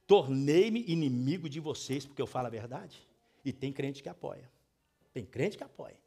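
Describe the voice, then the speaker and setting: A middle-aged man from Brazil preaching a sermon as pastor, emphatic, moving between hushed pleading and loud scolding. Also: medium pitch, expressive, moderate pace, creaky, breathy edge.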